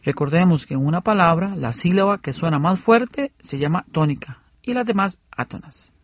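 Male radio co-host, plain explainer, husky voice, dry lo-fi broadcast. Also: fairly high pitch, expressive, no echo. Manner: explains plainly, breaks words into syllables slowly. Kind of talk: scripted educational radio. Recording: dull lo-fi radio recording.

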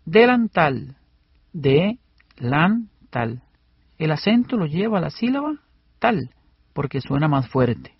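Man, radio co-teacher, lively intonation, husky, dull recording. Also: fairly high pitch, no echo. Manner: explains plainly, breaks words into syllables slowly. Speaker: radio lesson co-host. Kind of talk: scripted educational radio.

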